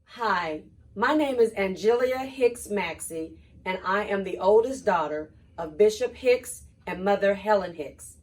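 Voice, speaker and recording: A woman, the oldest daughter, delivers a prepared memorial tribute. She speaks in a steady, measured way. Her pitch sits in an ordinary middle range.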